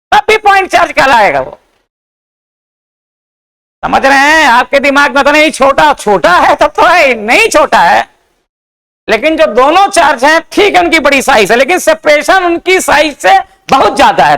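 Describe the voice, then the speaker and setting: High, gravelly-voiced male physics teacher. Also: pushed and bright, low-quality recording. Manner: asks questions and answers them himself, repeats key points; dictates definitions slowly. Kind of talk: classroom lecture.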